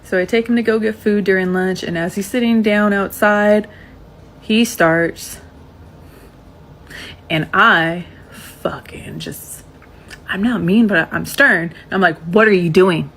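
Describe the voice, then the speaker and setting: A woman who used to be a school nurse, telling a story to camera in a blunt, animated way and swearing freely. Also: medium pitch, slow, long pauses.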